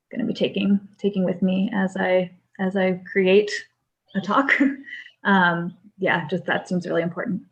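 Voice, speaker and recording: A woman taking part in a webinar, sharing her reflections in a halting way that repeats words. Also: lowish voice, low-quality recording. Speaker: workshop participant.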